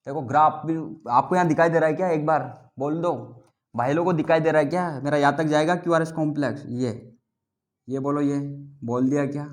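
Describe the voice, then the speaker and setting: A male biology teacher giving a lively classroom lecture, drilling students to repeat terms back to him and teasing them playfully, mixing with terms. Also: fairly high pitch, fairly quick. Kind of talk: classroom lecture with call-and-response.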